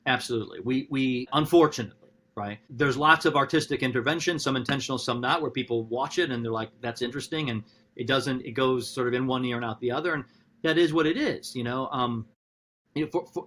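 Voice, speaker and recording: A male philosophy professor speaks in a podcast conversation at a middle pitch, animated and thinking out loud. His sentences break and restart as he works toward the point. Now and then he jumps up in pitch for a quoted line. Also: breathy edge. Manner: animated, talks through ideas with frequent restarts; acts out quotes with sudden high-pitched voices.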